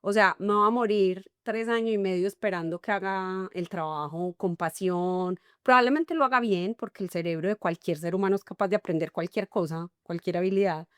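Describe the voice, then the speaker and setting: A woman's voice: mid-range voice, brisk, few pauses, clean tone, no room sound, studio quality. A middle-aged woman with a Colombian paisa accent, a coach talking expressively in an interview and acting out little dialogues. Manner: animated, acts out little dialogues. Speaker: guest, enneagram coach. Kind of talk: conversational interview.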